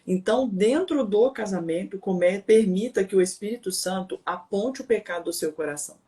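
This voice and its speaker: A woman's voice: mid-range voice, moderate pace, dark tone. Emphatic preachy Brazilian woman. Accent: Brazilian Portuguese. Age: adult, married. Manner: preachy, emphatic, fires rhetorical questions. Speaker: co-host.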